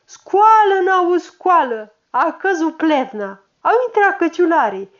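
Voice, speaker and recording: A proud, blustering captain of the old army, bellowing orders and scolding, as a woman reading the story puts him on. The voice sits fairly high and shouts with fervor. The recording is dull and lo-fi. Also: lively intonation. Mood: exultant commanding. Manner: barking commands, loud and fervent.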